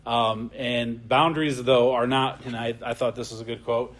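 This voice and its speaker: Man, adult church lesson, middle pitch, plain-spoken, conversational. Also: steady tone, normal speed, fairly bright tone. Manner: conversational, often adds a questioning "right?". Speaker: adult Bible class teacher.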